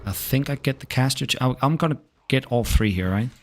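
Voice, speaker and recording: Slight background noise sits behind a mid-range, fairly quick male voice with a Danish accent. The young Dane is streaming a game and casually talking to viewers, easygoing and dropping the odd swear word.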